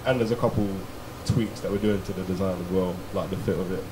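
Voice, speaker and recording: A man's voice: sits low, fairly even intonation, fast. A young man with a south London accent talking casually about his brand in a group interview. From Croydon, south London, England. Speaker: streetwear brand member being interviewed. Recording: clearly noisy background ambience.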